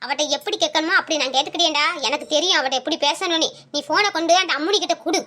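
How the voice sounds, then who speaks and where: A woman's voice: high-pitched, quick pace, bright, forceful tone. A woman voicing a harsh, domineering mother-in-law who scolds her daughter-in-law in a family drama skit. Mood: scolding.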